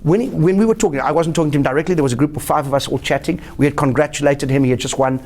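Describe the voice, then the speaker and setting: A middle-aged South African comedian, appearing as an interview guest, tells animated anecdotes very fast. His pitch jumps suddenly as he spins these casual stories.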